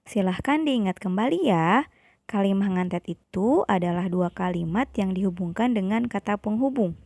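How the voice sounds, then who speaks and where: A woman teacher, giving a slow, careful recorded lesson to young pupils. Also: mid-range voice, darkish tone, dry recording.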